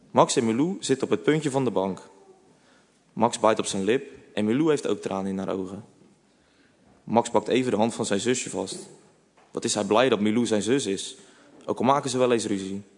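A man narrating a children's storybook in a calm, gentle way. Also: lowish voice. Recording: long reverb.

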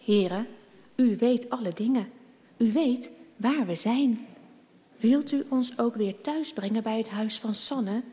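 A woman's voice: on the high side, slow pace, long reverb tail. A woman voicing a thoughtful, earnest little boy in a children's story read aloud. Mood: prayerful. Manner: soft, earnest boy's voice.

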